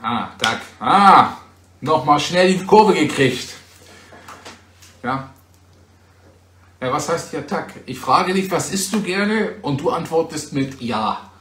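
A man's voice: fairly high pitch, slow pace, pauses often, a bit bright, echoey room, a little hiss or hum. A German man hosting a livestream from home, chatting casually with viewers in a teasing, talkative way and often checking back with "ja?". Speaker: livestream host. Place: home in Poland. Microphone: phone.

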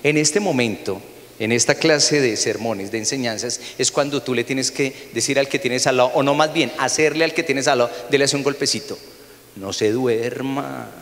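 A man with a Colombian Spanish accent preaching a sermon as pastor, dropping to soft low asides and rising to raised, exclaiming peaks. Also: fairly quick. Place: church sanctuary. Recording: long hall reverb of a church.

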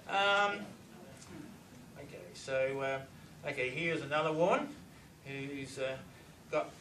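A man giving a live seminar to an audience, animated, with pauses and asides. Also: on the high side, a little hiss or hum. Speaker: lecturer on reverse speech. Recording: roomy hall mic from far off, audience around.

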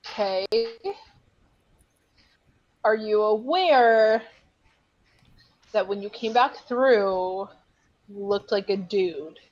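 A woman's voice: mid-range voice, very slow, pauses often, darkish tone, lo-fi sound. A woman playing a tabletop game, explaining in a rambling, apologetic way. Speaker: player. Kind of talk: casual tabletop play.

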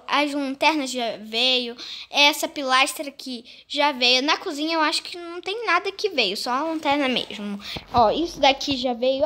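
A woman giving a chatty, excitable tour of her game house, often calling her viewers "gente". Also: high voice. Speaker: gaming vlogger. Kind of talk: casual game tour narration.

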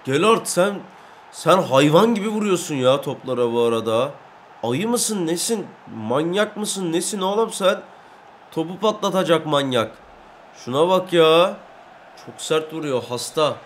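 Young man, high voice, excited gaming commentary, loud outbursts, trash talk, faint background ambience. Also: a little slow, slight background noise. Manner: loud bursts of shouting and trash talk at the game. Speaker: gaming YouTuber. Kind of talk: excited Let's Play commentary.

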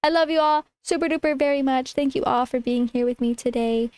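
High-pitched, cutesy young woman streamer. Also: brisk, a little mellow, smooth. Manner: cutesy, informal, affectionate wording. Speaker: livestreamer, VTuber. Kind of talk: casual livestream chat to viewers.

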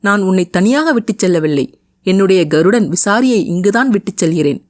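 Steady young hero, read by a woman narrator: earnest, reassuring, dry close-miked tone. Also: fairly low pitch, normal speed, dry recording, natural voice. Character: young man, steady hero, gentle but firm.

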